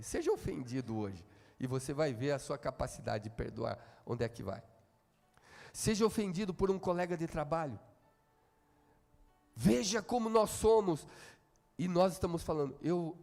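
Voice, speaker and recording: High-voiced Brazilian pastor preaching. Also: male voice, gravelly, big-room sound. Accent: Brazilian Portuguese. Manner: preaching with call-and-response, swings from quiet to shouting. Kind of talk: sermon. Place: church hall.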